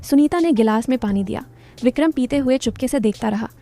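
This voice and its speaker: A woman narrating a scripted story in a steady, descriptive way. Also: sits high, brisk, faint music behind.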